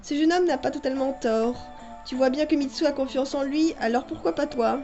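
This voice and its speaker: A woman reading the lines of a calm, gentle mother who soothes her family in a homemade fan story. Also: sits high, a little fast, muffled recording, music in the background. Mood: soothing. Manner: soothing, reasonable.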